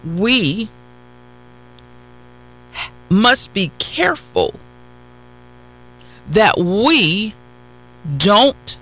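A man's voice: high-pitched, very animated, extremely slow, pauses often, bright, forceful tone, soft background music, rough recording. A man preaching a sermon, reading scripture verses and then retelling them in plain words with repeated phrases.

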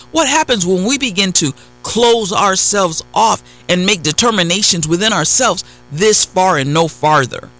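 A man's voice: high voice, pushed and bright, rough recording. A man preaching a sermon, reading scripture verses and then retelling them in plain words with repeated phrases.

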